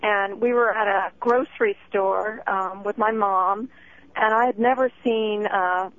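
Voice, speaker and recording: A woman's voice: medium pitch, steady tone, measured pace. Woman in her 40s from holland calling in, lots of ums, dull lo-fi phone sound. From Netherlands. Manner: hesitant, with many fillers. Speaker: caller. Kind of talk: phone-in storytelling. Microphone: telephone. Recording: dull lo-fi phone call on radio.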